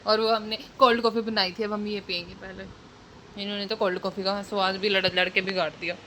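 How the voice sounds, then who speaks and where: Bright-voiced young woman bantering, faint ambience. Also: mid-range voice, flat delivery, quick pace, slight background noise, low-quality recording. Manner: teasing, laughing banter. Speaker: vlogger. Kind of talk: casual couple vlog chat.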